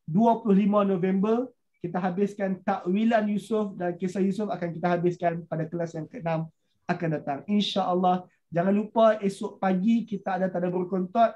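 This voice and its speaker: A religious teacher with a Malaysian Malay accent leads an online Quran study class over a video call, telling the story in a lively way and acting out the dialogue. His voice sits high, and the audio is dull.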